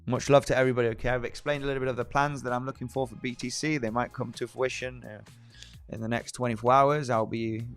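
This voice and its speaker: Guy hosting a trading stream, rambles and restarts a lot, smooth resonant voice. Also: mid-range voice, fairly even intonation, fast talker, a bit bright, soft background music. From Spain. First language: Spanish. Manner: rambling, frequent restarts, reads viewer comments aloud. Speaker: trading livestream host. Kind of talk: casual livestream chat.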